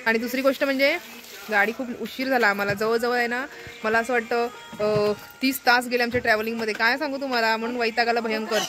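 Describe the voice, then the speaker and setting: A woman narrates a home vlog from a phone, chatty and direct with her viewers. Her voice sits a touch high. She sounds worn out, with a headache she keeps mentioning. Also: steady tone, fast talker, fairly bright tone, soft background music. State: tired with a headache. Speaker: vlogger. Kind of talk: casual family vlog narration. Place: village home during monsoon rain.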